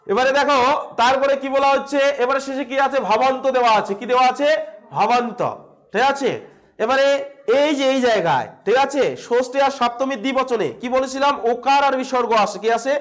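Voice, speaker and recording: A man with a very high voice and a Bengali accent teaches a grammar lesson. He keeps asking his class questions, then repeats each answer himself and checks that they follow. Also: brisk.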